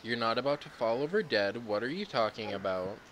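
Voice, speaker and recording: A man giving casual, jokey gameplay commentary on his own microphone, swearing freely and talking in animated bursts. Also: medium pitch, a little fast, slight background noise. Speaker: gaming commentator. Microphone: own desk microphone.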